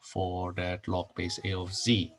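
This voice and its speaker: In this recorded online math lecture, a middle-aged Indonesian man teaches over a screen recording in a low, monotone voice, taking his time. He repeats phrases and fills his speech with fillers and frequent okays.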